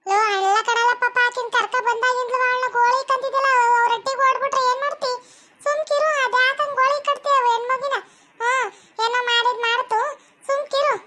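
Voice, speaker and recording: A woman's voice: very high-pitched, fairly even intonation, brisk, noisy background. A woman voicing a fussy older village mother who scolds and nags, in a comedy sketch. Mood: scolding. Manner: scolding, nagging.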